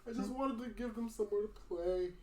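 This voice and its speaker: A man's voice: high-pitched, fast talker, darkish tone, close to an everyday voice. A man voicing a frightened elderly village man who pleads and rambles through tears, in a roomy recording. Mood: nervous. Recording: roomy with faint noise.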